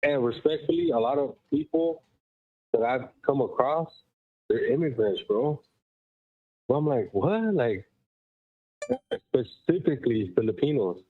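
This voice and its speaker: A man's voice: medium pitch, sing-song, measured pace, pauses often, husky, dry recording. A man calling into a show on his phone while power walking, sounding muffled as if through a wall, rambling and emphatic with lots of fillers. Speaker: caller. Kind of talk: casual call-in chat. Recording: muffled, tinny, dry phone line.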